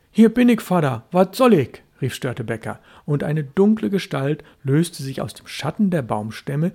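A man reading a classic story aloud as narrator of a literature podcast, in a measured storytelling manner. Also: a little high, creaky, mellow, husky.

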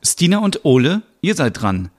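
A man's voice: mid-range voice, big pitch swings, normal speed. A man voicing a cheerful male spa masseur in an audio soap opera, upbeat and formal. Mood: welcoming.

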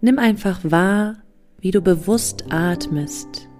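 A woman leading a guided meditation softly and soothingly, close to the listener's ear with breathy phrases and long pauses. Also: mid-range voice. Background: soft music.

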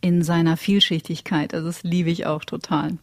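A woman's voice: on the low side, little pitch movement, normal speed, no echo, clean studio sound. A woman hosting a podcast in casual conversation, enthusiastic and affirming. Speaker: podcast host.

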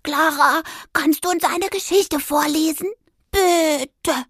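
A woman's voice: fairly high pitch, normal speed, fairly bright tone, no echo, clean studio sound, voice pushed up. A woman voicing a giggly, clumsy little male toy creature in a children's audio story. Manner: giggly, pleading.

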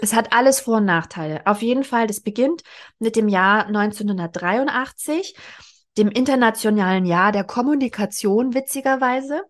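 In a casual book discussion, a woman in her forties hosting a podcast thinks aloud and explains things to her co-host. She speaks at a normal speed in a voice on the high side.

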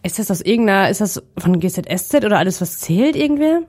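A woman co-hosting a casual chat podcast, eager and easily amused while she guesses at clips. She has a middling pitch and a relaxed conversational delivery. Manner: eager, quick to laugh. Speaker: podcast co-host.

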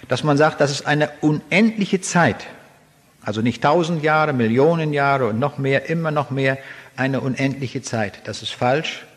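A man preaching a sermon in an earnest, deliberate way, slowing down to stress the scripture he quotes. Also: fairly high pitch. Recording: long reverb of a large hall.

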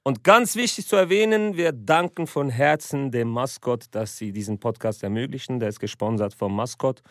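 A man hosting a casual comedy podcast, chatty and quick to laugh. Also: mid-range voice, no echo, studio quality. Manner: laughs often, loose and chatty. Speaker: podcast host. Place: indoor studio room.

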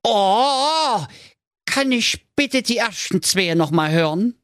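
A man's voice: expressive, slow, fairly bright tone, clear, resonant tone, no room sound, studio quality, exaggerated voice. A man voicing a panicky, whiny young prince in a comic fairy tale. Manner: shrill, frantic, whining.

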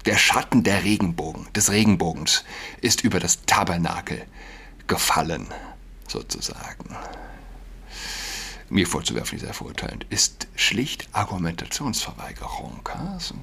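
Husky gravelly man, ranting. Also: fairly low pitch. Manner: swings between hushed whispers and loud outbursts; ranting, indignant. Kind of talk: agitated monologue.

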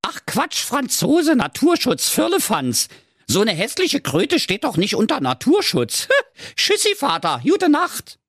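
A man voicing a spoiled, rude rich young woman in a shrill falsetto with a Berlin accent. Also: wildly swooping pitch, a little slow, dry recording, clean studio sound, exaggerated voice. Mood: mocking.

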